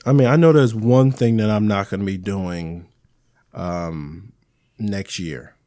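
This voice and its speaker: A man's voice: on the low side, slow, mellow, no room sound, clean studio sound. A man cohosting a podcast in casual chat, swearing often with exasperated asides. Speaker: podcast co-host.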